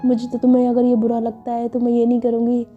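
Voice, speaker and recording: A woman's voice: on the high side, monotone, fast, narrow, tinny audio, soft background music, natural voice. A woman voicing a playful, teasing young woman who mock-scolds her wife in a storytelling dialogue. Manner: teasing, dismissive, mock-stern.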